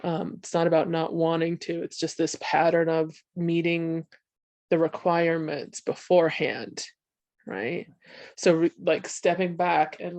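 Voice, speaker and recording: Casting: congested woman, lowish voice, rambling and conversational, dry close sound. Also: a little mellow, no room sound. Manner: rambling, many restarts and "right?" tags. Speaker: behavioral health specialist. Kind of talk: conversational panel discussion.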